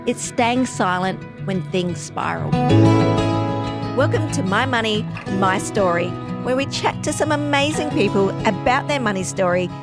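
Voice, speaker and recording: A woman hosts a podcast, opening with a scripted intro before moving into interview chat, upbeat and encouraging with her guests and full of warm laughs and affirmations. Her voice is medium-pitched, expressive, and a little slow, with loud music behind it.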